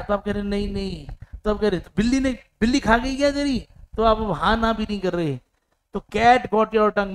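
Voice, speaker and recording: Guy teaching english idioms in hindi, high smooth voice, acts out little stories. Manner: explains with imagined stories and acted-out dialogue; reads English examples slowly, then explains fast.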